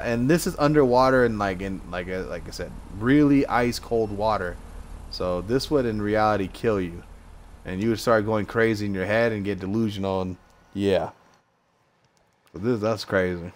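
An American man giving casual gameplay commentary, thinking aloud in short, slangy remarks. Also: lowish voice. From United States. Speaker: gamer recording gameplay commentary.

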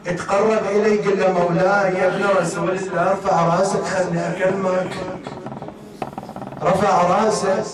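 A man, preaching an impassioned, mournful sermon to a gathering in a mourning hall. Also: sits high. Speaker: mulla preacher. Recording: echoey hall from far off, crowd.

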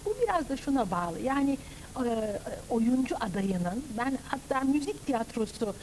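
Woman, 50s, opera teacher, measured lecturing talker, higher voice, studio lapel mic. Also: animated, background noise. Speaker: opera director and conservatory teacher. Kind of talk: studio TV interview.

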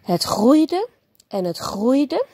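A woman teacher reading a bedtime story aloud to a child, gentle and expressive. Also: sits high, very slow, slight background noise.

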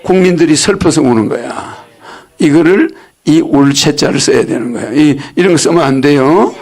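A man's voice: fairly high pitch, lively intonation, moderate pace, darkish tone. An older man giving a folksy religious lecture, teasing and laughing often as he asks his audience questions.

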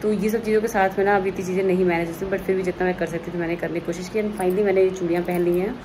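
A woman's voice: on the low side, fairly even intonation, rapid-fire, background noise. A young woman chatting casually in a home vlog, slipping English words into her speech. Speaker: vlogger.

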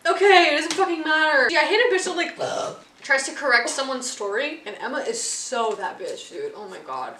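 A woman's voice: high-pitched, animated, brisk. A young woman co-hosting a casual food vlog, telling stories in a blunt, sarcastic way. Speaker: vlog co-host. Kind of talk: casual storytelling over a meal. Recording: echoey room with background noise.

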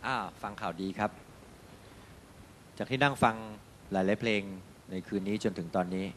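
A man with a lowish voice judges a singing contest in a casual, animated way. He breaks into short imitations of singers to show mistakes, over a faint hiss of noise. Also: moderate pace. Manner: lively, imitates singing to make a point. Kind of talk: casual critique.

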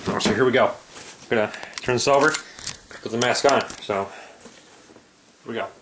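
Echoey young American man reviewing casually. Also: medium pitch. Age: young adult. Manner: sweary, deadpan, halting. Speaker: video host. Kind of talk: casual mock product review. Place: indoors at home. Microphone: handheld camera at arm's length. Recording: echoey room, noisy handheld camera audio.

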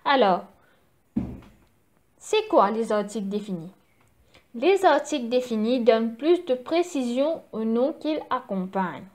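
A woman's voice: fairly high pitch, very animated, measured pace, pauses often, darkish tone. A woman teacher giving a recorded grammar lesson for children, patiently spelling out letters and repeating each rule. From Mauritius.

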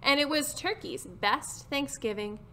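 A woman reading a children's picture book aloud in a gentle, unhurried storytelling manner. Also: high-pitched, slight background noise. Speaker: storybook reader.

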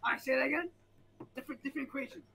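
A young man on a video call, joking and loud with a stranger. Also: very high voice, very fast, creaky, heavy background noise. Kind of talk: casual chat.

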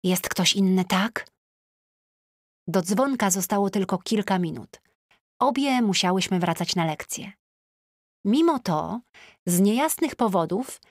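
A woman narrating an audiobook in the first person with a chatty, lively teenage-diary tone, recorded on a close studio mic. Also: medium pitch, no room sound.

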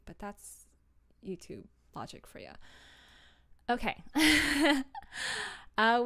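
Speaking from a small indoor room at home, this young woman streams and makes audio dramas, and here she's offering tips in a relaxed livestream chat. Her voice sits at medium pitch with a touch of brightness, and her manner is loose, giggly and self-mocking.

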